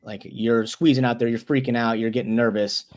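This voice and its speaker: A young man in his twenties, a wrestler and guest, talking earnestly in a casual interview and tripping over his words when excited. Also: mid-range voice, fairly quick. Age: 20s.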